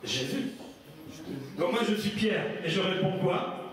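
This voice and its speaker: A male preacher teaching a sermon, often putting questions to his listeners. His voice sits high for a man and carries through a very echoey hall, picked up from far off the mic. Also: expressive, a little slow, slight background noise. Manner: teaching, asks the audience questions. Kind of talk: sermon with acted-out scene.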